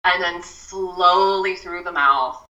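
A woman who is a mindfulness expert, guest on an interview, explaining in a measured, step-by-step way with frequent restarts. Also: on the low side, pushed and bright, far from the mic, lo-fi sound.

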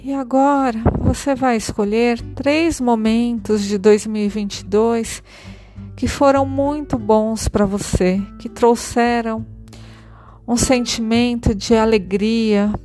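A woman guiding a meditation in a slow, soothing, gentle way. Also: on the high side, steady tone. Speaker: meditation guide. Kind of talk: guided meditation. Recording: soft music behind.

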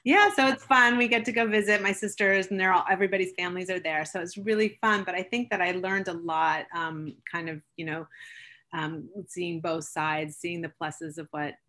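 A woman's voice: fairly low pitch, fairly even intonation, normal speed, pushed and bright. A woman from Seattle, an interview guest and founder, talking earnestly with frequent fillers and laughs. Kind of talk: interview chat.

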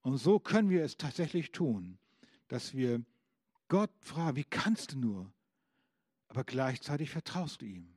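A man's voice: mid-range voice, very animated, moderate pace, a little mellow, husky, no room sound, studio quality. A man preaching a sermon, asking the congregation questions and reading out scripture with emphasis.

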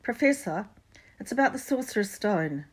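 A woman's voice: mid-range voice, expressive, normal speed, breathy edge, voice pushed up. A woman voicing a determined young schoolboy who talks urgently and insistently.

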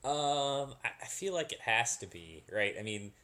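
A man co-hosting a casual sports podcast, talking in a halting way, repeating words and laughing easily. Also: medium pitch, expressive, bright, forceful tone. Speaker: podcast co-host.

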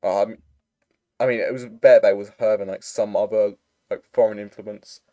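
A man's voice: lowish voice, steady tone, moderate pace, warm tone. A young man, telling a rambling story in casual chat over a voice call, full of fillers. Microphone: computer mic on a voice call.

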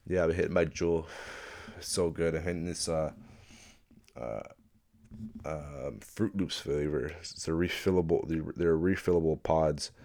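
A man's voice: rumbling low, measured pace, a little mellow, no room sound. A man hosting a podcast, talking in a loose, rambling monologue full of swearing and filler words. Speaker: podcast host.

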